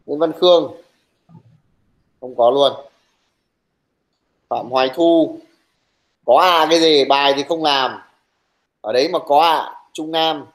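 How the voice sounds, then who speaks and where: A young man teaching an online class, his voice sitting a little high for a man. He talks briskly and teases his students, scolding them bluntly as he calls the roll. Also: low-quality recording. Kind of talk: online class talk, taking attendance.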